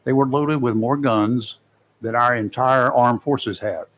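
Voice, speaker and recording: A man's voice: medium pitch, fairly even intonation, unhurried, fairly bright tone. A man hosting a local radio talk show, reading safety tips with folksy, joking asides. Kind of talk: casual radio talk and read-out segment. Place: radio studio.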